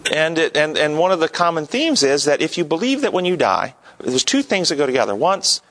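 A man's voice: a little high, very animated, a little fast, fairly bright tone. A man leading an interactive Bible lesson, talking conversationally and putting questions to his audience. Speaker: Bible study teacher.

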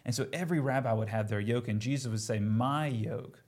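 A man's voice: mid-range voice, fairly quick, darkish tone. A man hosting a conversation, speaking in a thoughtful, reflective way and drawing on scripture. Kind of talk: casual chat.

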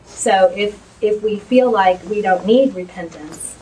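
A woman's voice: medium pitch, measured pace, a little mellow, a little hiss or hum, low-quality recording. A woman in a study group, hesitantly quoting a verse with restarts. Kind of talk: group discussion comment.

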